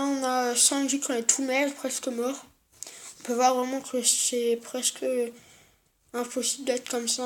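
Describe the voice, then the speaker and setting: A high, female-sounding voice gives casual, halting unboxing commentary, sometimes reading aloud. The speech is affected by new dental braces. The home-made recording has some faint noise in it. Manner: informal, halting, repetitive. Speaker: host of an unboxing video.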